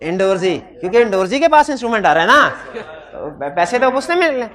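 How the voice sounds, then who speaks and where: High-pitched man lecturing with a sore throat. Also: very animated, fairly quick, fairly bright tone. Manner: quizzes students with repeated questions. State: throat trouble, talking loudly. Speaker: law teacher. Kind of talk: classroom lecture. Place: hybrid classroom. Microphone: microphone.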